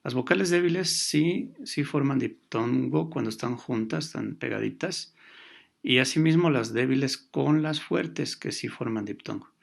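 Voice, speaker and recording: A man teaching a grammar lesson, explaining patiently with pauses and fillers. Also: mid-range voice, creaky.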